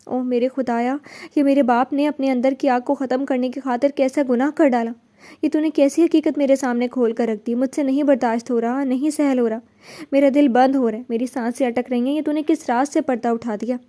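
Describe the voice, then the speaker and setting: A woman's voice: high voice, fairly even intonation, mellow, close to an everyday voice. A woman voicing a distraught, betrayed young wife. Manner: distraught, accusing.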